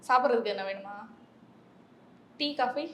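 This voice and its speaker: A woman interviewing a guest, speaking in a calm, teasing, mock-soothing way. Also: fairly high pitch, moderate pace, slight background noise. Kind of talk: interview questioning. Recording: roomy echoey room.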